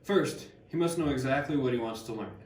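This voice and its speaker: A man's voice: medium pitch, a little fast, darkish tone, natural voice. Harriet Martineau, learned older woman, a young man reading, echoey room, distant mic. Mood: measured. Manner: reads plainly with small stumbles. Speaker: student actor. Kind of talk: amateur class skit read from script.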